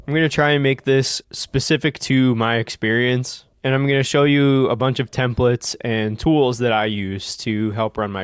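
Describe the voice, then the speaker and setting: A young adult man talks straight to the camera in an upbeat, instructive way. His voice is smooth and crisp at a middle pitch. It is recorded close and dry, with no room sound. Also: no room sound. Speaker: fashion brand founder and channel host. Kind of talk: scripted talking-head advice video.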